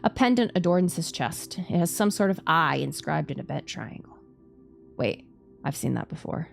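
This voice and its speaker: Female streamer reading a visual novel aloud; low, gravelly edge, dramatic delivery, music underneath. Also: expressive, normal speed. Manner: stumbles over hard words and repeats them. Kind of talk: dramatic narration of game text. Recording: music behind the voice.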